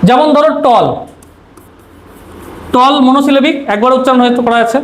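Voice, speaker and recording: A man's voice: very high-pitched, moderate pace. A man teaching an exam-prep grammar lesson, posing questions and answering them himself. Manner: asks rhetorical questions then answers them; repeats key terms to drill them. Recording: roomy echo, faint noise.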